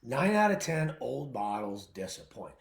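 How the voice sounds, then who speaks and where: A man's voice: medium pitch, very animated, unhurried, gravelly. A man who owns a winery, talking casually on a livestream in a blunt, opinionated, jokey way. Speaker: winery owner and winemaker. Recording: roomy echo.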